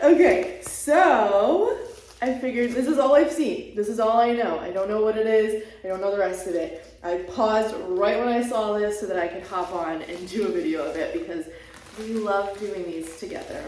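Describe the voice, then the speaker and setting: A woman's voice: mid-range voice, normal speed, slight background noise. Woman in a very echoey bare room. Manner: gushing and excitable. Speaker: channel host. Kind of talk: casual unboxing vlog. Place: bare, half-furnished room being set up as a studio. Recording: heavy echo in a bare room, voice a little far from the mic.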